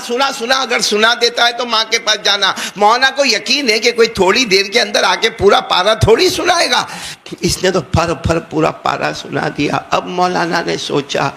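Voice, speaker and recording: Male preacher telling a sermon story, high, bright and gravelly, impassioned. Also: slight background noise. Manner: impassioned, rising to shouts. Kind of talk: emotional Islamic sermon storytelling.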